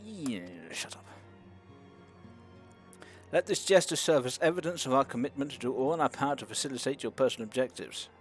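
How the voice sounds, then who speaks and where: A young man streaming a game, bantering sarcastically and reading the on-screen dialogue in a mock-formal voice. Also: medium pitch. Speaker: streamer playing a game for the first time. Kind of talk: casual live-stream banter.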